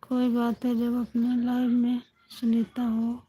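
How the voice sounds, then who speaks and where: A woman chats casually with viewers on a phone livestream, greeting each one by name. Her voice sits slightly high. She keeps the talk going with repeated little affirmations. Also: completely flat delivery, slow, warm tone, husky. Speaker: livestream host. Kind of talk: casual chat with live viewers.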